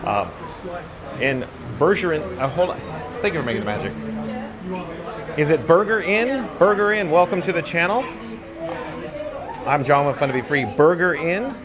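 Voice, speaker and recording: A man's voice: fairly high pitch, very animated, normal speed, long pauses. A man hosting a casual livestream from a theme park, reading out viewer comments and replying to them. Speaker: livestream host. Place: theme park queue, mostly outdoors. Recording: busy crowd around him. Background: chattering crowd.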